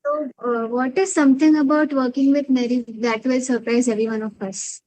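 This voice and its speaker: A high-pitched woman's question over glitchy, dropping audio. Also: fairly even intonation, brisk, darkish tone, no room sound, poor audio. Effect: audio cutting out over a remote connection. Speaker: audience member asking a question.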